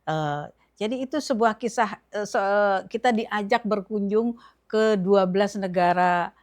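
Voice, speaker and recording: A woman's voice: medium pitch, a little slow. An older woman hosting a casual interview, speaking hesitantly with many fillers and murmured agreement. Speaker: host.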